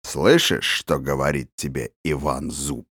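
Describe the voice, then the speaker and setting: A man voicing a coarse, menacing male forest tramp in an audiobook, with a rough, hoarse voice and slow, gloating, threatening delivery. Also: very deep voice, steady tone, a bit bright, no echo, studio quality, exaggerated voice. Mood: commanding.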